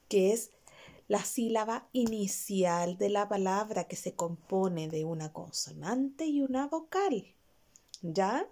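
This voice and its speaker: A woman's voice: medium pitch, a little mellow. A young woman, a kindergarten teacher giving a video lesson to small children, drawing out each syllable and coaxing them with questions.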